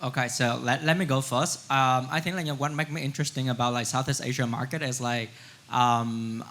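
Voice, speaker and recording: A man from Vietnam speaking on a conference panel, halting, with many fillers. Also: mid-range voice, fairly even intonation, a bit bright. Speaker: panelist, crypto wallet founder. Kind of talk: panel discussion answers.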